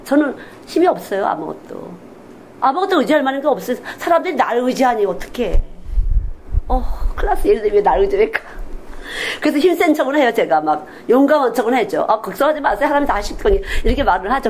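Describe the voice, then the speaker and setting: Preaching a Sunday sermon, a woman missionary speaks candidly and confessionally, animatedly acting out quoted speech in different voices. Her voice is a little high. The low-quality recording carries slight background noise.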